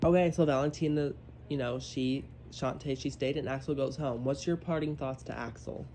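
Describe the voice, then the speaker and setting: Snarky male podcast host, mellow voice. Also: medium pitch, steady tone, moderate pace, faint music behind, rough recording. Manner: snarky, teasing. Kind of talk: casual chat.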